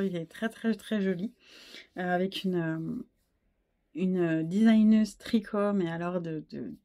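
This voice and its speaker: A woman in her thirties chatting casually in a knitting vlog, a little hoarse, rambling and self-deprecating, full of fillers and restarts. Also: mid-range voice, warm tone. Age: 30s. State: a bit hoarse, frog in the throat. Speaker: wool dyer and knitting podcaster.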